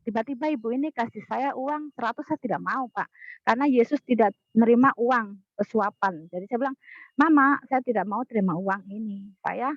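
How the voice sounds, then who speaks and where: A woman's voice: on the high side, no room sound. Earnest woman, dull dry call audio. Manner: earnest, halting, repeats herself. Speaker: participant in an online class. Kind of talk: telling a personal testimony.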